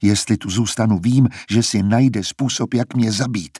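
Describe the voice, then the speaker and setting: A man's voice: fairly low pitch, mellow, slightly rough, dry recording, studio quality. A man reading aloud, voicing a frightened young woman singer who is anxious and pleading. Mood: resolved.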